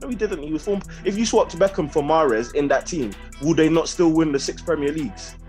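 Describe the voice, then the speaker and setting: A man's voice: fairly high pitch, a little fast, a little mellow, soft background music. A young man with a London roadman accent, hosting a casual football podcast in slangy, repetitive banter. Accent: London roadman, urban British slang. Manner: slangy, repeats phrases for emphasis. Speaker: podcast host.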